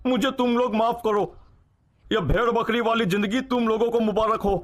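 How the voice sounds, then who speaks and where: A greedy, blustering cartoon uncle who grumbles and protests theatrically, voiced by a man. His voice sits high for a man and stays full of loud complaint. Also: steady tone, normal speed. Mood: indignant. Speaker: character voice in a cartoon story.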